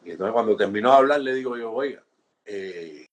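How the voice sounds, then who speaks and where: A man's voice: fairly low pitch, brisk. A man in his sixties with a Cuban accent, telling stories in an interview and acting out what others said to him. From Cuba. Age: 60s. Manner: animated storytelling, acts out quoted guards, frequent restarts and "¿entiendes?". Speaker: interviewee, former political prisoner. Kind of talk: conversational interview storytelling.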